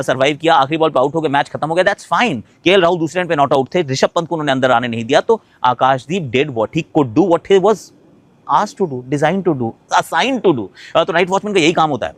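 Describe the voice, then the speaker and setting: A man's voice: on the high side, dry recording. A man giving a casual cricket reaction, mixing Hindi and English with emphatic points and frequent hesitant fillers. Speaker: cricket commentator.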